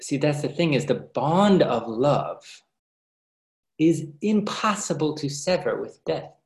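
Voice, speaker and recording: A man giving a reflective spiritual talk to workshop participants, speaking in a gentle, unhurried, earnest way. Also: fairly high pitch, big pitch swings, gravelly. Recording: roomy echoey sound.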